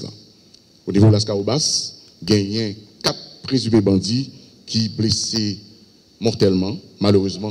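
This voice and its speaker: Haitian-accented man, police spokesman at a briefing, fairly low voice, halting delivery, long hall reverb. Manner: halting, reading out a list of cases. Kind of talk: press briefing.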